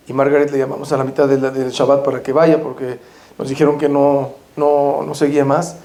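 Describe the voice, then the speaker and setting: A middle-aged man speaking reflectively about grief from his own experience, halting, with frequent restarts. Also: a little high, warm tone. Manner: halting, with many restarts and pauses. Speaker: speaker sharing personal experience. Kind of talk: reflective personal testimony. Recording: echoey room.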